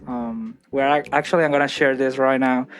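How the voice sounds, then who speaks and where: A podcast host leading a relaxed interview, friendly and chatty, with loose phrasing and many "yeah"s. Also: medium pitch, normal speed. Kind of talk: casual interview chat.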